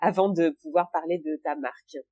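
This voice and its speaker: A woman hosts a podcast interview in a dry, close recording. She has a fairly low voice and speaks warmly, encouraging her guest with simple follow-up questions. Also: steady tone, brisk, no echo. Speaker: podcast host.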